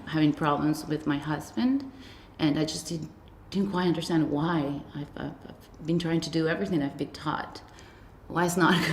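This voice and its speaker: Woman, hesitant searching storyteller, low voice, roomy echo, faint background noise. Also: creaky. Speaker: interviewee. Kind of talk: personal story.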